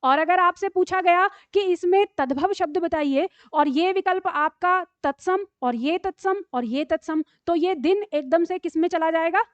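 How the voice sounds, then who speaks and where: A woman with a high voice teaches a lesson, explaining step by step and checking in with her students through frequent questions. The recording is dry and a little dull, with no room sound. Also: normal speed, few pauses, no echo. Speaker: Hindi teacher. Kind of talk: online classroom lesson.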